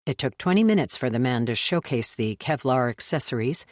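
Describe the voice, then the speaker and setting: Low-voiced woman reading a thriller. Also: animated, a little fast, a little mellow, dry recording, clean studio sound. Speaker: audiobook narrator. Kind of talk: scripted narration.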